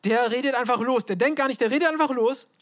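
A woman preaching a conversational sermon. She tells the story in a lively way and asks her listeners questions. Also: high voice, fast talker. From abroad, moved to Germany.

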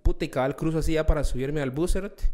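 Guatemalan male comedian, casual guest storytelling, slightly high, swears a lot. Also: fast. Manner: animated, swearing, acts out other voices.

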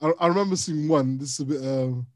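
This young man co-hosts a podcast, and his slightly high voice moves fast in a dry recording. He's an animated storyteller in casual chat who laughs often.

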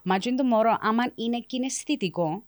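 A woman's voice: fairly high pitch, no room sound, studio quality. A woman with a Cypriot Greek accent talking emphatically as a coach in a conversational interview, often switching into English. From Cyprus. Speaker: educational coach and mentor, interview guest.

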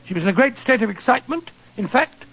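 A man's voice: very high-pitched, expressive, fast, gravelly, fairly bright tone, exaggerated voice. An actor playing a genial, older English doctor in a 1940s radio drama, avuncular, blustery and easily flustered as he tells his adventures. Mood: storytelling. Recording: dull lo-fi 1940s radio recording.

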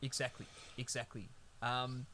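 A man's voice: medium pitch, flat delivery, a little slow, sharp tone, a little hiss or hum. A man co-hosting a podcast, recapping a film in a rambling, sweary, laid-back way. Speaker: podcast co-host. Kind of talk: casual film-review chat.

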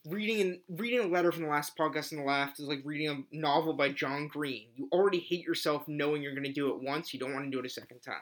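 A man co-hosting a casual comedy podcast, talking sarcastically with halting restarts. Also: a little high, a bit bright. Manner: sarcastic, mock-reading a letter with halting restarts. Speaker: podcast co-host.

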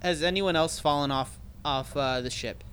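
A man's voice: a little high, fairly bright tone, clean tone. A man playing in a tabletop game, tentative and trailing off as he asks questions. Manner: tentative, trailing off, quick to laugh. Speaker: player. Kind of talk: casual tabletop play.

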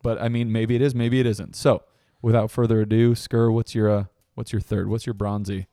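A man's voice: on the low side, flat delivery, fairly quick, dark tone, dry recording, studio quality. A man co-hosting a casual podcast chat, joking, laughing often and mimicking movie lines. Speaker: podcast co-host.

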